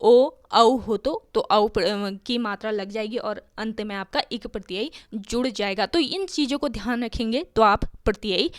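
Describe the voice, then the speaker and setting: Lady teacher going over grammar rules step by step, bit high pitched, dry sound. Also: normal speed, hardly any pauses, no echo. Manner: explains step by step, asks and answers her own questions. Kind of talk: exam-prep grammar lesson.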